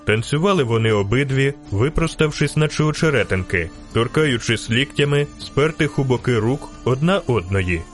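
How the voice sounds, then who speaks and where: A man reading an audiobook in steady, rhythmic scripted narration. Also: mid-range voice, normal speed, hardly any pauses. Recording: narration over faint music.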